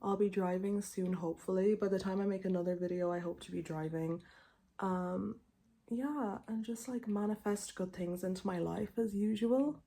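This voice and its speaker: A woman's voice: medium pitch, normal speed, mellow. A woman in her twenties chatting casually through a makeup tutorial, rambling informally, with a tongue piercing that clicks as she talks. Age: 20s. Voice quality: tongue piercing clicking faintly against teeth. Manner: informal, rambling, frequent filler "like". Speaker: beauty vlogger.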